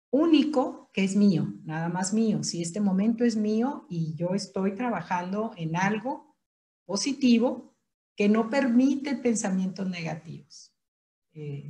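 A woman with a Mexican accent teaching an online class, explaining patiently step by step and repeating each word slowly. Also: mid-range voice, a little mellow. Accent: Mexican Spanish. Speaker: tai chi instructor.

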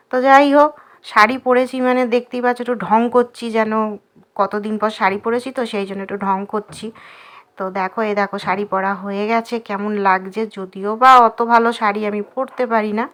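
A woman's voice: high-pitched, noisy background. A woman in her thirties with a West Bengal Bengali accent, chatting casually to her viewers as she goes about her day at home. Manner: chatty, addresses viewers as friends. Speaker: vlogger. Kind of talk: casual chatty vlog narration. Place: home interior.

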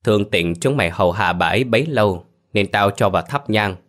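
A man's voice: lowish voice, fairly quick, a bit bright, lightly acted. A man doing a scornful, haughty second wife. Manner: scornful, commanding. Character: spiteful arrogant second wife, woman.

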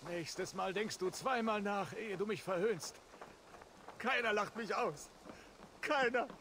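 A boastful Norse warrior in a video game, sleep talking in a high-set but gravelly voice. He rambles very slowly, as if lost in a dream of glory. Clear outdoor noise sits behind him. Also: pushed and bright, full character voice. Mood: offended, threatening. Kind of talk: video game character dialogue. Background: outdoor game ambience.

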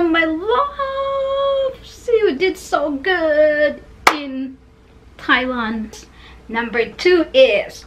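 High-voiced woman chatting slowly in a vlog. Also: slight background noise. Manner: chatty and gushing, with frequent ums and excited bursts. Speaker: vlogger. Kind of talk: casual sit-down vlog.

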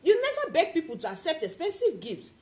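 A woman coaching on network marketing in a motivational talk to camera, animated and acting out little scenes. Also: a little fast. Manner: animated, acts out little scenes with big pitch jumps.

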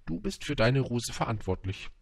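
A man's voice: mid-range voice, animated, moderate pace, no echo, lightly acted. Man reading a wise, tender fox.

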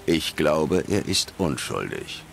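A laconic, gruff monster hunter from a fantasy game. The voice is very deep and full of gravel, delivered dry and deadpan. Faint rain is heard behind it. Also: male voice, slow, a little hiss or hum, exaggerated voice. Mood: stoic, dry. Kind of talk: scripted video game dialogue in German dub.

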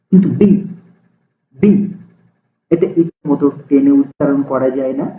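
Teacher man on a tinny echoey line. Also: mid-range voice. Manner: slow, deliberate, drawing out sample syllables. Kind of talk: explanatory lesson. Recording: tinny, echoey phone-like sound.

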